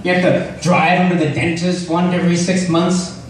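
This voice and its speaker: A young man doing a rambling, self-deprecating, profane stand-up routine at an open mic, halting and casual as he goes. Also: high-pitched, little pitch movement. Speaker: stand-up comedian. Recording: very echoey room, distant mic, faint noise.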